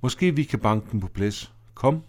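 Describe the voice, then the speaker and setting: A man voicing a sharp-tongued woman Betty. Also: mid-range voice, animated, close to an everyday voice. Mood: urgent. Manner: brisk, indignant.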